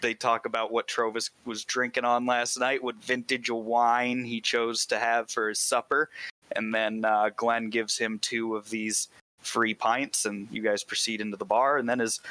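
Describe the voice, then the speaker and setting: A man's voice: mid-range voice, flat delivery, moderate pace, bright, forceful tone, dry recording. A man narrating as game master in a loose, rambling casual way. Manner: loose, rambling, laughing asides.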